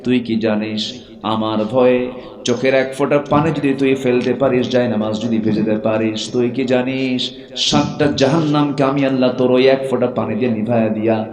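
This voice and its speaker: A man preaching a sermon, calling on the crowd to answer loudly and swinging from soft passages to shouted high peaks, with chanted recitation in between. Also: steady tone, normal speed, reverberant. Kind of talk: Bengali waz sermon with chanted Quranic recitation.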